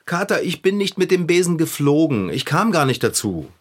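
A man voicing an eager, excitable young bike tinkerer in a children's audio drama, swinging between glee and gloom. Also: fairly high pitch, moderate pace. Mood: glum, rueful.

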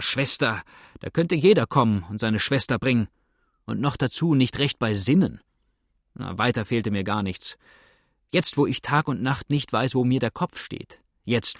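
A man's voice: mid-range voice, no echo, studio quality. A man voicing a harried landlady who scolds in an indignant, complaining tirade.

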